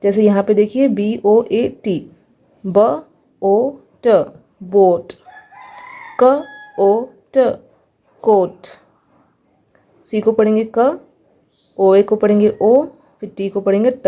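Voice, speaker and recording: Indian lady teacher sounding out letters real slow, soft warm voice. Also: mid-range voice, steady tone. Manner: spells out letters slowly, then blends them into words. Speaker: English reading teacher. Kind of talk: phonics lesson.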